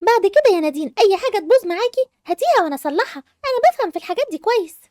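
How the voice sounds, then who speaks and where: A clever young girl with an Egyptian accent chatters eagerly in a very high, quick voice, as a woman puts her on. The recording is dry and close. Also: very animated, darkish tone, dry recording. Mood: cheerful. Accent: Egyptian Arabic. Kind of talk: animated game movie voice acting.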